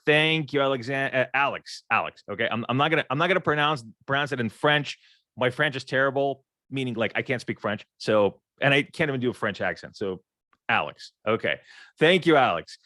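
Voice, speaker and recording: A man's voice: medium pitch, bright, forceful tone, dry recording. Stammering, joking man moderating. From Ukraine. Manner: stammering, joking, many repeated words. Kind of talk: casual panel chat.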